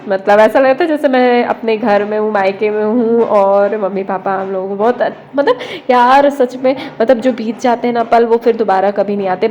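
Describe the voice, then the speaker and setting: A woman's voice: on the high side, a little mellow, highs cut off. A young woman with a cold, talking in a chatty, homely way as she vlogs, full of little fillers. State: has a cold. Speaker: home vlogger. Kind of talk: casual vlog chat.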